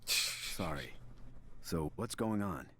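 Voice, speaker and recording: A gruff, gravelly stoic yakuza hero. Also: male voice, deep voice, lively intonation, slow, bright, forceful tone, full character voice. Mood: terse. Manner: terse, curt.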